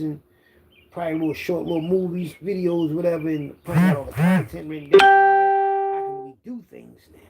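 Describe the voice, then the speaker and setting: A man in his 50s from Philadelphia, United States, talks in a rambling, slang-filled street monologue, boasting casually and confidently. He's an internet content creator with a creaky, dark voice on the high side, and the audio is poor, with birds chirping in the outdoor background noise.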